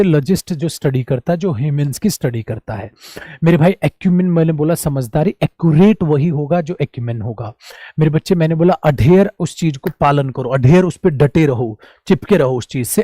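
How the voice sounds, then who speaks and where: A man teaching a quick vocabulary revision lesson, calling his students "my child" and "my brother". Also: on the high side, mellow, no echo, clean studio sound.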